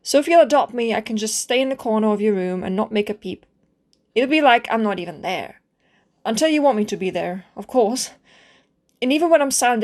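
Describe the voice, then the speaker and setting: Woman acting a high-voiced, pleading kitten girl. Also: darkish tone, lightly acted. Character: clingy, lovesick, self-abasing stray cat girl with yandere devotion. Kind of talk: scripted ASMR role-play addressed to the listener.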